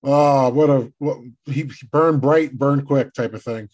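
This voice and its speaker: A man's voice: mid-range voice, measured pace, a little mellow. A man co-hosting a sports podcast in casual chat, teasing dryly while reading out draft picks. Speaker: podcast co-host.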